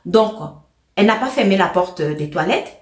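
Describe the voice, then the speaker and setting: An earnest woman narrates her own life story in a halting way, often doubling back and repeating words. Her voice sits at an ordinary middle pitch for a woman. The recording is roomy, with a clear echo around her. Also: animated. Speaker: storyteller sharing a personal testimony. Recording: roomy, echoey room sound.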